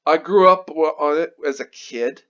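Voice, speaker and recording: A man's voice: a little high, moderate pace, fairly bright tone, clean tone. A man giving an angry, sweary movie review, repeating himself as he rants. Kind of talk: ranting video review. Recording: dull lo-fi recording.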